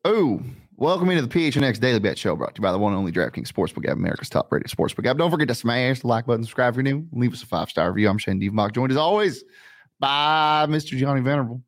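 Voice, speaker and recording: A man hosting a sports betting show, chatting casually and rattling off his picks with quick exclamations. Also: mid-range voice, expressive.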